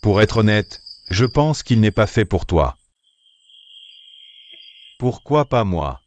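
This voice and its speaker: A man dubbing a brooding, possessive tough schoolboy, talking low, slow and blunt. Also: big pitch swings, a little mellow, slight background noise. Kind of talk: French dub of a series.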